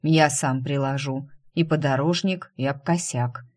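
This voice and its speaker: A woman voicing a stern, teasing dark sorcerer who talks in a lazy drawl. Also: rumbling low, steady tone, a little slow.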